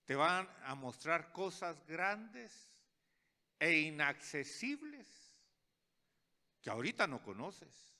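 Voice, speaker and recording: A pastor preaching a sermon, asking the congregation questions and acting out little scenes, dropping to quiet asides and rising to loud calls. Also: male voice, a little high, sing-song, slow, long pauses.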